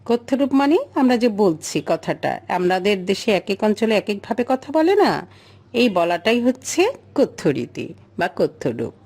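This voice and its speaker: A woman's voice: mid-range voice, very animated, unhurried, a little mellow, husky. A woman teacher, giving a lesson to a class and asking questions she then answers herself. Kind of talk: classroom lesson explaining a chart.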